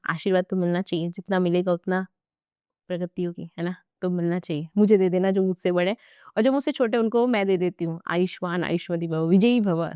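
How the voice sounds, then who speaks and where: A young woman teaching grammar for exam prep, chatty and playful as she talks to her students. Her voice sits a little low and smooth, recorded close in a dry room. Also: darkish tone, no echo.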